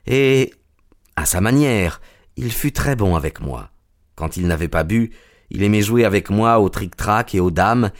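Low-voiced male audiobook narrator. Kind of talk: scripted first-person storytelling.

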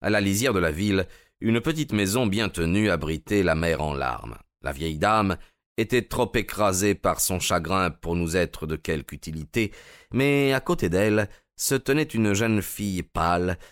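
A man doing measured scripted narration of a classic detective story. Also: deep voice, lively intonation, clear, resonant tone, dry recording, clean studio sound. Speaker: audiobook narrator.

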